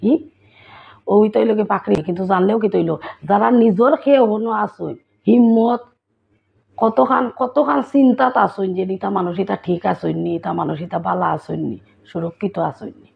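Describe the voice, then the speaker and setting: Sylheti-accented woman vlogger, raspy, phone-line quality. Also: medium pitch, moderate pace. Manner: chatty, asks listeners if they follow. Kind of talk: casual vlog chat. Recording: tinny phone-like sound.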